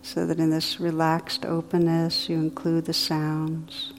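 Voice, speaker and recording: Woman, meditation teacher, slightly low pitch, very level intonation, soothing, unhurried, soft drawn-out phrases. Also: completely flat delivery, slight background noise. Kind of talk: guided meditation.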